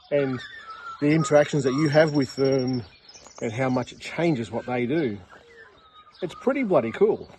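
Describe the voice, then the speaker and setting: Aussie guy doing a casual phone vlog outside next to buzzing beehives, mellow low-key voice, laid back. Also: slight background noise. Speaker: hobby beekeeper vlogger. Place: outdoors in a rural yard among beehives. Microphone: handheld phone camera at arm's length.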